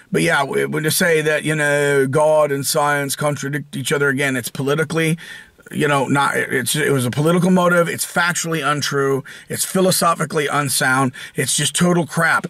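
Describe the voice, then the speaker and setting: With a gravelly, fairly high and fairly bright voice, an American man hosts his channel and rants casually about his opinions. The recording has no echo, and his delivery wanders sarcastically with many fillers and restarts.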